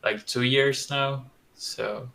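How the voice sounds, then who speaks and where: A man's voice: medium pitch, steady tone, slow pace, gravelly, sharp tone. A young man from Ecuador, a recent graduate, giving brief, hesitant answers as a guest. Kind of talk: casual interview answers.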